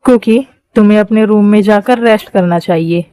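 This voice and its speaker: A woman's voice: mid-range voice, moderate pace, warm tone, clear, resonant tone, no room sound, close to an everyday voice. A woman voicing a possessive, menacing young man in a Hindi fan-dub drama, commanding and controlling. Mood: cold.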